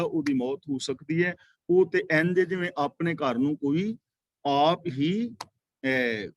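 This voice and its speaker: A man leads a scripture class over an online call, fairly high in pitch. He tells stories and explains each verse line by line. The sound is dry and close, with no room echo. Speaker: Sikh religious teacher. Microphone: online video call.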